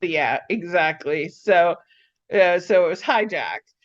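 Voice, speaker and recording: A woman co-hosting a casual chat, excitedly retelling a TV episode and acting out the characters' lines. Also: on the low side, lo-fi sound. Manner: excitable, acts out characters' lines in quick voices. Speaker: podcast co-host.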